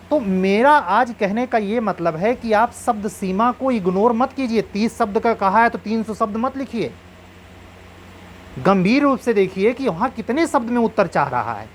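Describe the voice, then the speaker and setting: A man's voice: high-pitched, lively intonation, normal speed, a little hiss or hum. Man giving earnest exam advice. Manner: earnest, advising, uses proverbs. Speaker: exam coach.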